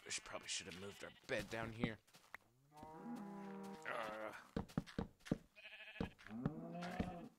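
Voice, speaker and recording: A man's voice: very animated, takes it slowly, long pauses, heavy background noise. A young man casually talking through a building game at home, mumbly and scatterbrained. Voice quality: mumbly, scatterbrained, low-key. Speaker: gamer recording a let's play. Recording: loud game music over voice. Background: loud game music.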